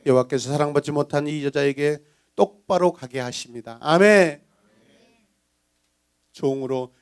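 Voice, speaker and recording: A man preaching a Sunday sermon as pastor, animated and dramatic, acting out voices and breaking into song. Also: a little high, clear, resonant tone. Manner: animated preaching, bursts into sung praise; acts out villagers' gossip in voices.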